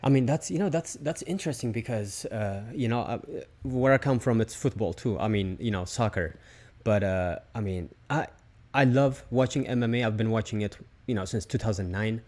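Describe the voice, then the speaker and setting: A man's voice: lowish voice, normal speed, a little mellow. A man hosting a podcast, asking questions in a hesitant, filler-heavy way. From outside the United States. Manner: hesitant, many fillers and restarts. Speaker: podcast host. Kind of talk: casual interview.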